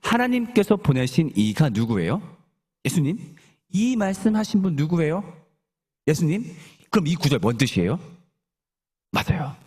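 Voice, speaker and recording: A male pastor preaching a sermon in a church, animated and often asking the congregation questions. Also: a little high, normal speed, breathy edge.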